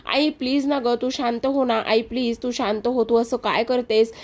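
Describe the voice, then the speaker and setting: A woman voicing a gently pleading young girl. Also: on the high side, fairly even intonation, normal speed. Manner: soft pleading.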